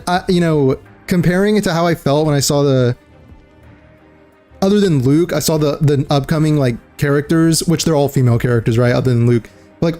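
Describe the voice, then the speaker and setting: A young man livestreams a game, chatting casually in a fairly high, mellow voice. He rambles with lots of fillers and keeps calling people dude and bro.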